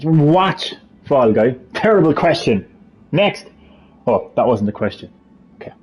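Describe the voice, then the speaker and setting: Speaking in a sing-song, darkish mid-range voice at a slightly slow pace, a Cork man hosts a casual live stream. He's profane and jokey, ranting away, and the stream audio is a bit muffled.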